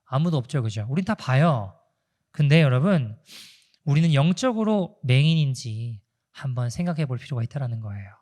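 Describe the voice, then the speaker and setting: A man's voice: mid-range voice, moderate pace. A male pastor preaching a sermon, asking the congregation questions and acting out quotes. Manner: animated preaching with rhetorical questions and acted-out quotes. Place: church in Toronto.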